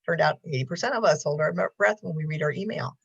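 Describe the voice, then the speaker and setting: Her voice is low, gravelly, and husky, yet a bit bright, and she talks animatedly at a quick pace. The mental health counselor keeps her video call talk chatty, laughing often and saying um a lot, over dull lo-fi call audio.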